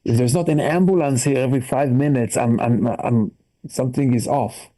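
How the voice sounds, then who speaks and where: Dark-voiced Israeli man doing stand-up. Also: normal speed. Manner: animated, jumps high in pitch for punchlines; broken English phrasing. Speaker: stand-up comedian. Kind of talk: stand-up set on a video call.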